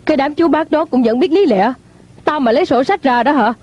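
A woman's voice: high-pitched, lively intonation, fairly quick, no echo. A woman dubbing a stern older matriarch of a wealthy clan in a TV drama, commanding and scolding. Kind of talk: dubbed TV drama. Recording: dull lo-fi dub with loud music.

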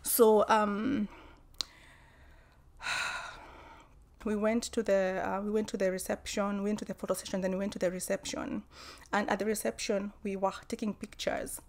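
Halting woman telling a personal story. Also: mid-range voice, flat delivery. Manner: halting, with many restarts and fillers. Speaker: vlogger.

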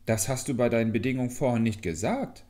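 A man's voice: mid-range voice, fast talker, darkish tone, voice pushed up, lightly acted. A practical young village woman from a storybook who answers plainly and firmly, her voice lifted above the narration. A man puts her on while reading the tale.

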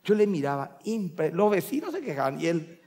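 Middle-aged male Paraguayan pastor, sermon delivery, storyteller, slightly raised pitch. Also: sing-song, normal speed, darkish tone, slight background noise. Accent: Paraguayan Spanish. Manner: storytelling, acting out family voices in quotes.

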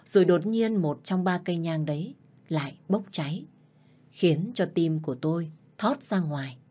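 Calm woman reading a story, low voice. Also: moderate pace. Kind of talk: dramatized first-person story reading.

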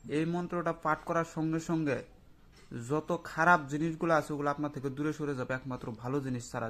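Man, flat steady delivery. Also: fairly high pitch. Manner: slow measured chanting of verses; talks directly to viewers, earnest. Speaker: spiritual healer teaching mantras. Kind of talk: religious talk and mantra recitation.

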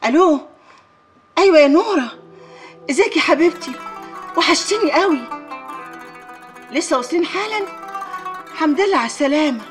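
A woman's voice: high voice, animated, quick pace. An actress playing a doting middle-aged mother, speaking in Egyptian Arabic in a fond, motherly way. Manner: warm and motherly on the phone. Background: music.

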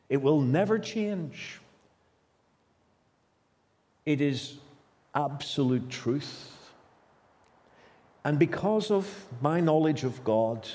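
His voice sits on the high side and sounds mellow as this Northern Irish man in his fifties preaches at a church-hall lectern. The sermon is emphatic and repetitive with abrupt surges of speed, recorded via stand mics and a far-off camera.

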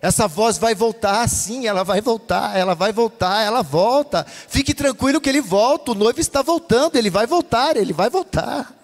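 A man's voice: extremely high pitch, lively intonation, moderate pace, hardly any pauses. A man preaching a fervent sermon with a Brazilian Portuguese accent, his delivery rising into a chanting cadence. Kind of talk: pentecostal sermon. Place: church hall. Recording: long church reverb.

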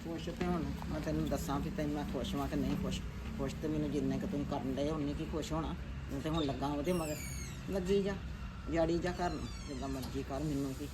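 Woman playing a sulking old mother, fast talker. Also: low-pitched, fairly even intonation, very noisy, lightly acted. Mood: sarcastic. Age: older. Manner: sulky, refusing, sharp-tongued. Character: stubborn aging mother, easily offended. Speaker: mother in a family drama. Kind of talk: scripted village family drama.

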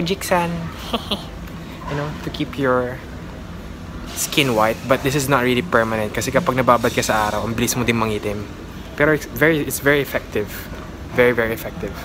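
A man with a Filipino accent chats through a supermarket vlog and switches easily between Tagalog and English. His pitch sits in a middle range. He records on a handheld phone, with loud store noise behind him. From Philippines. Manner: chatty, mixes Tagalog and English. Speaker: vlogger. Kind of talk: casual shopping vlog. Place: supermarket aisle.

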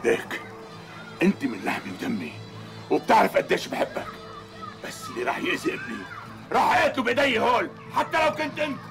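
A man's voice: high-pitched, wildly swooping pitch, fast, creaky, music in the background, full character voice. An actor playing an angry middle-aged father who threatens his nephew, speaking. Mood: menacing. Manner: menacing, shouting, then coldly quiet. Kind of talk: TV drama acting.

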